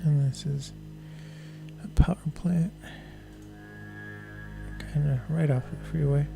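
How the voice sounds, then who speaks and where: A man giving casual, low-key live-stream commentary as he works on photos, unhurried, with music behind him. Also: steady tone, vocal fry.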